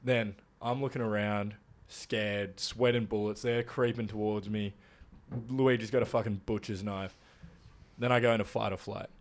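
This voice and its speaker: Swearing, animated Australian young man. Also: fairly low pitch, normal speed. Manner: animated, swears a lot, laughs through his stories. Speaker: podcast co-host. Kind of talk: casual storytelling.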